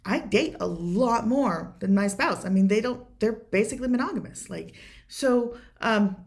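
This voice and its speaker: A woman's voice: on the high side, moderate pace, a little mellow. A woman hosting a podcast, talking earnestly in a casual personal monologue, rambling with many fillers and restarts. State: choked up with emotion at times. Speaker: podcast host answering a listener question.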